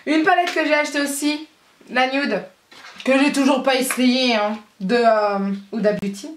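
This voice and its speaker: A woman's voice: high voice, moderate pace, a little hiss or hum. A young woman chatting casually about beauty products, full of laughs and fillers. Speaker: beauty vlogger. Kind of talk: casual haul chat. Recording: roomy sound from a distance.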